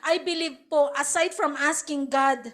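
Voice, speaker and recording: A woman's voice: sits high, fairly even intonation, measured pace, fairly bright tone. A woman pastor with a Filipino accent preaching a sermon in mixed Tagalog and English, with acted quotes.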